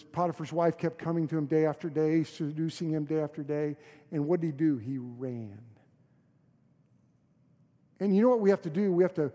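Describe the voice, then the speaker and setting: A middle-aged man preaching a sermon as a pastor, telling stories with lots of restarts and animated bursts. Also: a little high, big-room sound. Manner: animated storytelling, many restarts.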